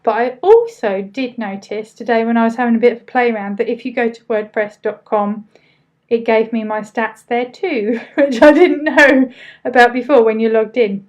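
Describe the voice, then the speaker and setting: A woman's voice: on the high side, fairly even intonation, moderate pace, a little mellow, dull audio. A woman with an Essex accent hosting a casual live training, chatting informally as she reads out and answers questions, with loosely pronounced words.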